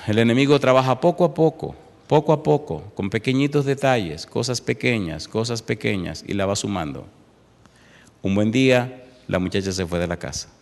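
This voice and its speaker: A man preaching a sermon, moving from an impassioned appeal into a softly told story with voiced quotes. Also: lively intonation, moderate pace. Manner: impassioned, loud and high at the start, then softer storytelling with voiced quotes. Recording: long hall reverb.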